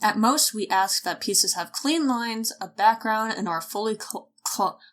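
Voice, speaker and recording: This is a voice-over reader for a casting call: a woman with a mid-range, slightly bright voice who speaks at a measured pace. She reads a scripted announcement but often trips over the words, swearing and mocking herself through the blooper outtakes.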